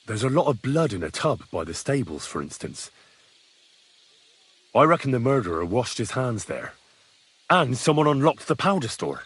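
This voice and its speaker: An actor playing an eager, talkative young squire with a raspy voice who speaks plainly and deferentially. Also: male voice, mid-range voice, big pitch swings, moderate pace, long pauses, a bit bright. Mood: chatty. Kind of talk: video game cutscene dialogue.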